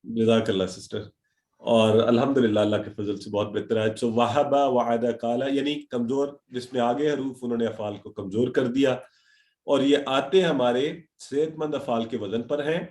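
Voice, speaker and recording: A man's voice: medium pitch, a little mellow. A middle-aged man teaching a grammar lesson over a video call, encouraging and dropping English words into his talk. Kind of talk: online class lecture.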